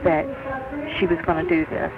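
A woman's voice: lowish voice, little pitch movement, moderate pace. A woman chatting at length, retelling conversations in detail, heard from an old worn cassette tape. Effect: played from an old worn cassette tape. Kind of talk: rambling personal storytelling on a message. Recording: tinny phone line, heavy tape hiss.

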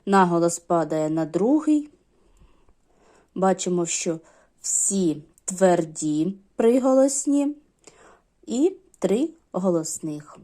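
A woman's voice: on the low side, big pitch swings, slow pace, long pauses, warm tone. A middle-aged woman teaching a lesson to young children, explaining patiently step by step. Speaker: primary school teacher.

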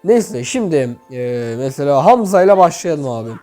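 A man's voice: a little high, sing-song, moderate pace, mellow. A young man with an echoey, reverberant room sound gives casual, chatty gaming commentary as a channel host, talking to viewers like friends. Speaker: YouTube game channel host. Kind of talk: casual gaming commentary, reviewing player profiles. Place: bedroom with items cleared out, indoors. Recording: echoey emptied room, faint music behind. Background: music.

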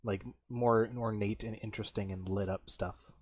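A man's voice: on the low side, fairly even intonation, normal speed, a little hiss or hum. A man running a tabletop game as game master, narrating casually with lots of fillers, restarts and swearing. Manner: rambling, many fillers and restarts, swears freely.

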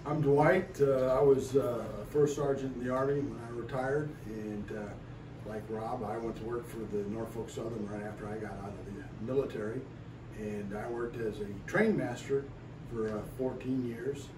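A man's voice: mid-range voice, fairly even intonation, normal speed. An older man with an American accent speaking casually as a podcast panelist introducing himself. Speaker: podcast panelist, retired railroader. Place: echoey room, away from the mic. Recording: echoey room, distant mic, clear background noise.

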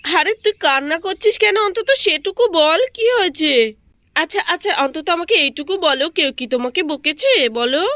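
A woman's voice: sits high, brisk, sharp tone, dry recording. A woman voicing a caring mother in a doll story, coaxing with the child and reproachful with her husband.

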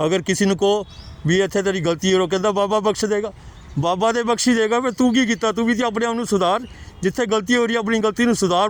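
A man's voice: sits high, clean tone. Earnest man teaching scripture. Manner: earnest, corrective, chants verses slowly. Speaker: Gurbani pronunciation teacher. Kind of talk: devotional teaching talk.

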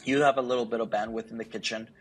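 Give me a young Colombian-born founder with a slightly husky, even voice, chatting casually on a video call with faint music underneath. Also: male voice, medium pitch, rapid-fire, poor audio. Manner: chatty, lots of likes and ums. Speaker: startup founder. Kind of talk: casual interview answers. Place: office with large window. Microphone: earbuds on video call.

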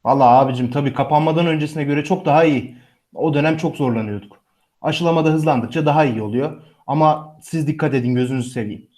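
Radio drama: man as tired, caring brother, earnest, slightly high male voice. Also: fast talker, a little mellow, natural voice. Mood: weary, caring. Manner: familiar, earnest. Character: weary, kindly adult brother working hospital shifts. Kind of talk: Turkish radio theatre acting.

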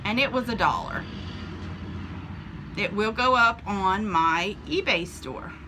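Here a woman speaks slowly in a mid-range, expressive voice, with background noise audible. Filming a casual show-and-tell vlog on a camera mic, she presents her flea market finds in a chatty, homey manner full of ums, inside a small shelved room.

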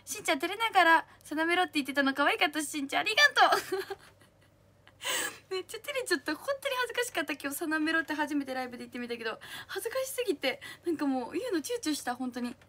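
A young woman with a slightly husky, strained throat, hosting a livestream in a bubbly, cutesy way, reading out and thanking commenters. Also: high-pitched, lively intonation, quick pace, sharp tone. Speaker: idol livestream host.

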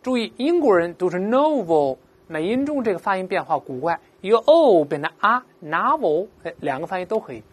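Lively, husky woman teaching vocabulary. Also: fairly low pitch. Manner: explains patiently, slowly models pronunciations for repeating; asks "right?" often. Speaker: English teacher. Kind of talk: vocabulary lesson.

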